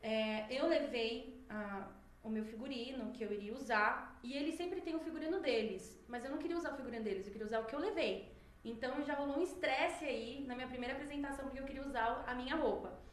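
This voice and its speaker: A young adult woman, a singer guesting on a podcast, telling stories in a lively, animated way with quoted voices. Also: high voice, fast. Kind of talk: casual storytelling chat. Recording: roomy echo, faint noise.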